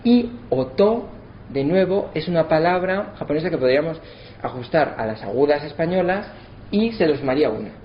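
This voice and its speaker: A man giving a lesson, slowing down to sound out words syllable by syllable. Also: on the high side, animated. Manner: spells out syllables slowly to demonstrate. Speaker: lecturer. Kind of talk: explanatory lesson. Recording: slightly dull, faint background noise.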